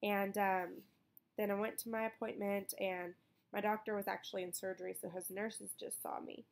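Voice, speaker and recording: A young woman chats informally as if to followers of her vlog. Her mid-pitched voice has noticeable creak and fry. She rambles in an everyday way, dropping in "like" as she goes. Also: flat delivery, moderate pace. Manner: rambling, informal, with frequent "like" asides. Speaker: vlogger recovering from surgery. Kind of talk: casual chat vlog.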